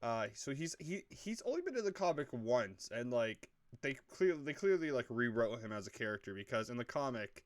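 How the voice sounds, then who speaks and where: A man's voice: mid-range voice, very animated, moderate pace, few pauses. A man co-hosting a casual show review, rambling with lots of fillers and frequent swearing. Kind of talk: casual chat.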